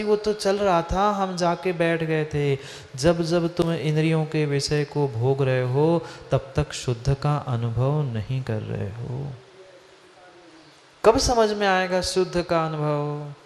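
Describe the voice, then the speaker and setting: A man's voice: a little high, darkish tone. A man, a monk, giving a Hindi-language religious discourse, asking his listeners questions and repeating phrases for emphasis. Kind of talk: sermon. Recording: hall reverb with faint ambience.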